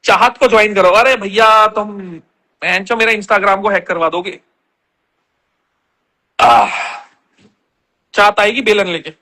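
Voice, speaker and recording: A man's voice: high voice, slow pace, long pauses, pushed and bright. A young man chatting bluntly on a live stream, reading viewer comments aloud and swearing casually as he answers them.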